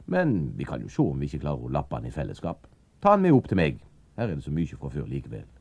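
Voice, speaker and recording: A man's voice: extremely low pitch, wildly swooping pitch, vocal fry, a little mellow, slightly rough, no echo, full character voice. A man voicing an eccentric, suspicious male detective in a storybook reading, with a hammy, exclaiming delivery. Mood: friendly.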